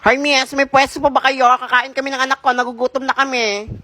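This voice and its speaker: Shrill bright-voiced scolding woman. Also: level tone, fairly quick. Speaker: comedy skit performer. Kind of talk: comedic skit acting.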